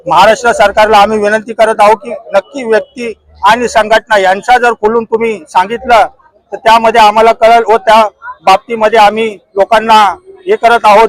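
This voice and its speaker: A man, the president of an activist group, gives an earnest, halting statement in a street interview at a protest. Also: high-pitched, no room sound, rough recording. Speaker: organization president. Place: outdoors at a protest.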